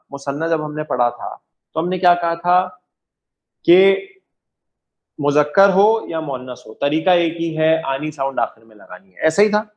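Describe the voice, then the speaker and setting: Guy teaching grammar, patient, keeps checking everyone got it, voice a bit on the high side. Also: dull audio. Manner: patient, often checks understanding and repeats examples. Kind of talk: lecture.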